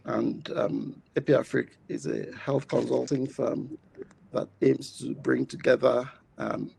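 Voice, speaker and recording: A tired Nigerian man, a public health doctor, speaking on an online group video call. He talks in a measured way, with frequent pauses and "um"s. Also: medium pitch, gravelly, a little mellow, husky, rough recording. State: tired after being on call. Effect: online group video call audio. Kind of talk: introductions on an online panel.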